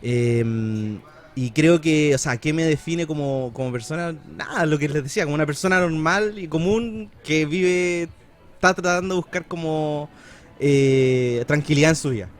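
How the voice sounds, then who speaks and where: A Chilean man in his thirties, speaking with a Chilean Spanish accent, chats casually as a podcast guest. His voice is fairly high and his pace normal, and he's relaxed, using lots of fillers and slang.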